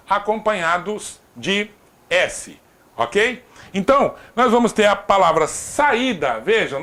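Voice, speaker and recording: A Brazilian man teaching a recorded grammar lesson, often checking in with his students and adding joking asides. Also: high-pitched. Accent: Brazilian Portuguese. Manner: lively, repeats "tá?" to check understanding, jokes aside.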